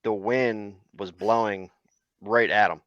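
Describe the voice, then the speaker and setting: Low smooth-voiced man, dry close sound. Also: takes it slowly, dry recording. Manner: relaxed storytelling with fillers. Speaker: podcast host. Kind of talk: casual podcast chat. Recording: dry, slightly muffled recording.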